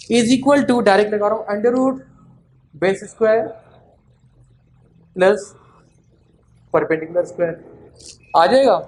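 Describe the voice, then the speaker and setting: A man giving a classroom maths lecture, often asking the students questions and slowing down to spell out formulas. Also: sits high, darkish tone, slight background noise, poor audio. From Pakistan. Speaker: maths teacher.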